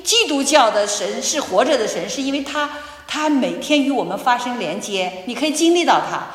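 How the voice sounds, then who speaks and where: Animated woman giving a church testimony. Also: a little high. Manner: animated storytelling, acting out quoted dialogue. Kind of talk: sermon testimony. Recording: echoey hall.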